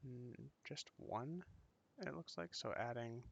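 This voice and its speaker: A man's voice: medium pitch, lively intonation, slow pace, vocal fry, husky, highs cut off. A man giving casual gameplay commentary on a strategy game, thinking aloud and musing to himself as he plays. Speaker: gaming video creator playing a strategy game.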